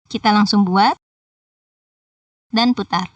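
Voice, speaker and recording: A woman's voice: mid-range voice, slow pace, no echo, distant mic, muffled recording. A woman teaching Japanese in a patient, explanatory tutorial voice-over that talks straight to viewers. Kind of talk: screen-recorded tutorial explanation.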